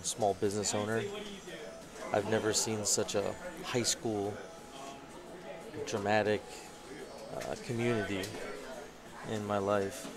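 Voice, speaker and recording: A man co-commentating a card game match in a casual way, making dry, wry remarks. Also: lowish voice. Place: busy card tournament venue.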